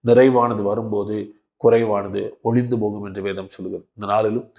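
A man's voice: lowish voice, steady tone, brisk, dark tone. Tamil man preaching in emphatic, rhythmic phrases. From Tamil Nadu, India. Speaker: pastor. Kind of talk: devotional sermon and prayer to camera. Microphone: speaking to camera for a video.

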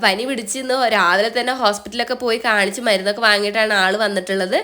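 A young Malayali woman with a medium-pitched, steady voice speaks quickly, sounding blocked and nasal from a cold. She's a vlogger chatting through a casual voice-over, often finishing phrases with a soft tag word.

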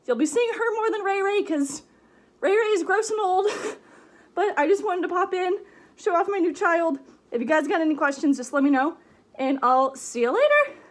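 Mulher giggly, voz aguda, abafada dentro da cabeça de fantasia. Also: female voice, very high voice, animated, moderate pace. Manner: giggly, rambling, affectionate. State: muffled inside costume head. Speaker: vlogger. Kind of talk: casual vlog chat.

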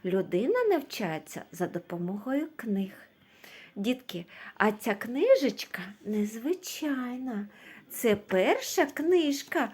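Brief: woman, kindergarten teacher, slow and patient, lively rising and falling pitch. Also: slightly rough. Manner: slow, patient, asks and answers her own questions; sings out sounds and words drawn out. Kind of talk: lesson for young children.

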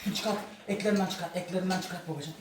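A father barking quick orders again and again while he rigs up a family project at home. He talks very fast and repeats himself. His voice bounces around a very echoey room, picked up from a distance over steady background noise. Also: sits high. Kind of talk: family vlog, playful bossy chatter.

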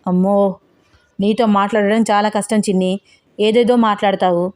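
A woman voicing a quick-tempered young man who scolds his fiancée in exasperation. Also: mid-range voice, fairly even intonation, darkish tone, no room sound, studio quality, natural voice. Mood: annoyed.

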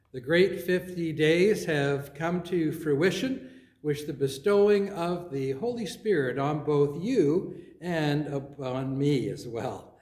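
A man leading a worship service as priest, reciting prayers in a measured, solemn way, with his voice ringing in an echoing church. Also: on the high side, darkish tone. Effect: echoing church reverb. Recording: roomy echoing church sound.

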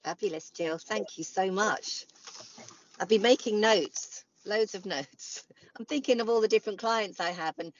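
A woman's voice: mid-range voice, moderate pace, dry recording. A woman hosting a webinar, thanking the speaker over a video call. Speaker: webinar host. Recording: dry, dull lo-fi sound.

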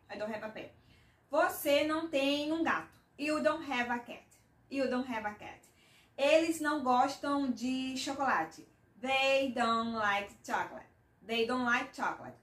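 A Brazilian woman with a Brazilian Portuguese accent and a slightly high voice gives a patient English mini-lesson. She repeats her example sentences slowly and clearly. The sound is roomy and echoey, with the mic set some way off. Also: a bit bright, distant mic. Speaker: English teacher.

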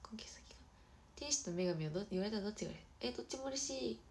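A young woman hosting a casual livestream who chats quickly and brightly with viewers, often dropping to a soft murmur. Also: medium pitch, expressive, a little hiss or hum. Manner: fast-talking. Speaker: idol livestream host. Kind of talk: casual livestream chat reading viewer comments.

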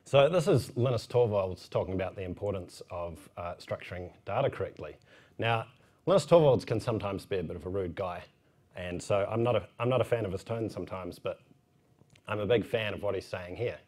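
A man's voice: lowish voice, expressive, fairly quick, darkish tone. A man in his thirties with a broad New Zealand accent, giving an informal technical conference talk with casual, wry asides. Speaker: conference speaker. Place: indoor conference room, at a podium.

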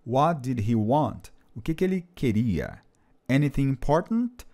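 A man's voice: medium pitch, very animated, measured pace, darkish tone. A man teaching an English lesson, patiently repeating and translating phrases. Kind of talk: explanatory language lesson.

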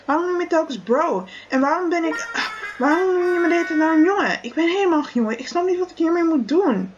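A woman's voice: high-pitched, moderate pace, lo-fi sound, faint music behind, natural voice. Woman voicing an exasperated teen girl. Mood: angry. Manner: exasperated, insistent. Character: frustrated teenage girl stuck in the friendzone. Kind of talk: toy-figure film voicing.

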